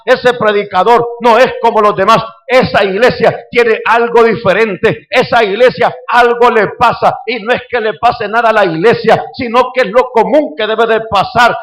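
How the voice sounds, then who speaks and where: A man's voice: sits high, a bit bright. A man with a Salvadoran Spanish accent, preaching a sermon as pastor with fervent appeals to the congregation. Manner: impassioned preaching, calls out to the congregation, acts out quoted voices.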